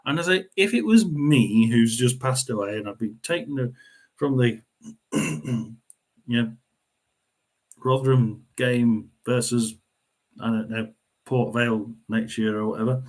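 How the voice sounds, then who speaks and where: Man, middle-aged, casual football watchalong host, rambling, keeps clearing his throat, fillers. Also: mid-range voice, measured pace, pauses often, a little mellow. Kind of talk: casual live football commentary.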